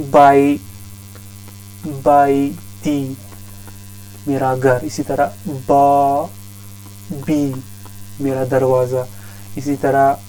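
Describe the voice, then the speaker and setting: A man's voice: medium pitch, mellow, poor audio. A man teaching a grammar lesson, patiently repeating each term several times. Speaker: Arabic teacher.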